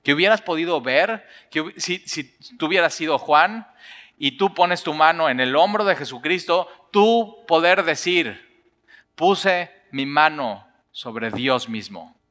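A man's voice: a little high, unhurried, a bit bright, big-room sound. A male pastor preaching a sermon, earnest and emphatic.

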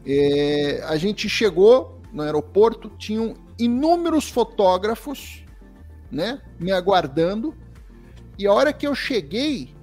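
A Brazilian man in his fifties, an interview guest telling a lively story and acting out what people said. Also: sits high, slow pace, faint music behind. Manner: lively storyteller, acts out quoted dialogue. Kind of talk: storytelling anecdote.

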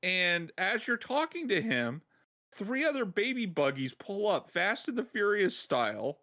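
Man, podcast host, casual chat, animated storyteller, bright tone. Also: high voice, a little slow. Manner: excited, laughing storyteller who acts out quotes. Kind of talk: casual chat, animated recap of a game side quest.

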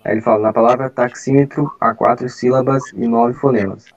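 A man's voice: medium pitch, steady tone, brisk. A man, leading a study group and patiently explaining exam questions step by step over a video call. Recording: dull lo-fi call audio.

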